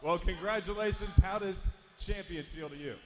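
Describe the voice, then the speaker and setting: A man working as cage announcer, calling out the winner in a booming, drawn-out voice and then interviewing the fighter. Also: a little mellow, roomy sound. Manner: booming announcer delivery, stretching out names.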